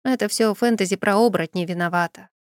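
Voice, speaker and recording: A woman's voice: medium pitch, quick pace, dry recording, clean studio sound, lightly acted. A woman reading as a sulky sarcastic girl friend. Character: upset young woman friend, blunt and sardonic.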